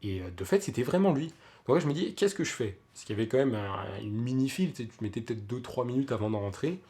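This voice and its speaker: A man's voice: mid-range voice, expressive, fast talker, warm tone. A young man, telling a story in a casual vlog, chatty, with many fillers and restarts. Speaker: vlogger.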